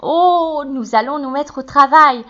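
A woman's voice: sits high, unhurried, bright, forceful tone, lo-fi sound, voice pushed up. A woman voicing a hungry, eager young boy.

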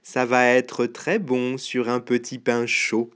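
A storyteller voicing a big, gullible monster in a read-aloud storybook, speaking with a gruff growl. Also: mid-range voice, monotone, takes it slowly, fairly bright tone. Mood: gruff, wondering.

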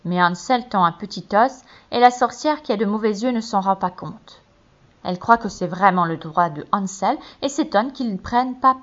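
A woman reading a fairy tale aloud with expressive storytelling. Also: fairly high pitch. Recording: muffled, dull recording.

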